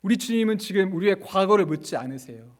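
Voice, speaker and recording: A man's voice: sits high, animated, quick pace. A male pastor delivering a sermon, asking his listeners rhetorical questions and rising and falling for emphasis. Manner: rhetorical questions, acts out quoted lines softly.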